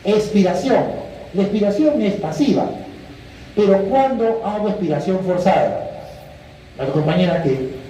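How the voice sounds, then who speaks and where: A male physiology lecturer who quizzes his students, sometimes acting out patients and students in a lively way. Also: high-pitched, measured pace, long pauses. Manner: quizzes students with questions and answer options; animated, acts out patients and students. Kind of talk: classroom lecture. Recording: echoey room, distant mic, faint hiss.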